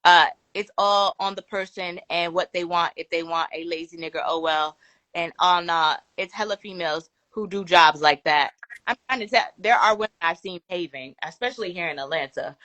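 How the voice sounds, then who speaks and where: A woman hosting a casual live stream, reading viewer comments aloud with laughs and quick asides. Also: on the low side, pushed and bright, dry recording.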